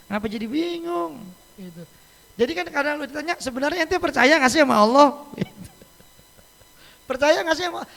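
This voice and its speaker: A man's voice: extremely high pitch, gravelly, fairly bright tone. A man giving a casual, joking sermon as an Islamic teacher in a mosque, often laughing as he talks. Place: mosque hall. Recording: echoey mosque hall.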